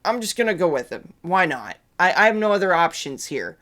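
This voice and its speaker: A man's voice: high-pitched, sing-song, brisk, bright, forceful tone, exaggerated voice. A man voicing a frightened young man in his own retelling, pleading and rambling urgently. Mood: resigned. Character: frightened young man trapped and begging for rescue.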